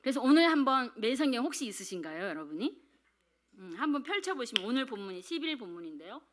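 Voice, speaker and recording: A woman's voice: a little high, big pitch swings, quick pace, fairly bright tone. A middle-aged woman giving a chatty talk on devotional Bible study at a prayer meeting, acting out little quotes and putting questions to the room. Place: church hall.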